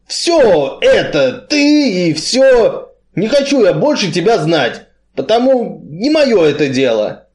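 A big, gloomy strongman with a muffled, blunt way of speaking, voiced by a man reading aloud. He talks slowly and heavily, and his voice sits a touch high. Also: sing-song, darkish tone, full character voice. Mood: grim. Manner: muffled, blunt, slow and heavy.

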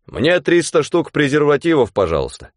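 A man doing a loud brash bearded Siberian show-off. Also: fairly high pitch, lively intonation, normal speed, dry recording, clean studio sound, pitched above the performer's own voice. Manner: loud, boisterous, shouting.

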